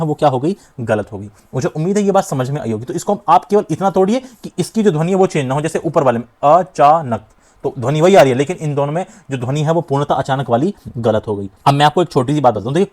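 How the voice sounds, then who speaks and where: A young man teaching grammar for exam prep, emphatic and repetitive, slowly sounding out syllables to demonstrate. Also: a little high, a little mellow. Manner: emphatic, repeats key points, often says "dhyaan deejiye". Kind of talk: exam-prep lesson at a board.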